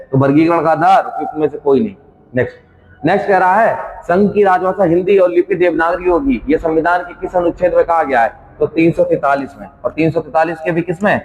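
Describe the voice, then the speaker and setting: A man with a slightly high voice runs a quiz-style exam revision lesson. He reads each question with its options aloud, repeats it, then gives the answer. The recording sounds dull, with a long hall reverb. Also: darkish tone. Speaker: exam coaching teacher.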